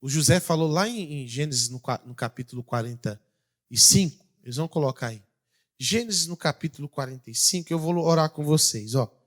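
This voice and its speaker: A man with a Brazilian Portuguese accent, a pastor preaching a sermon, asking the congregation questions and swinging between loud calls and quiet passages. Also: fairly high pitch, lively intonation, brisk.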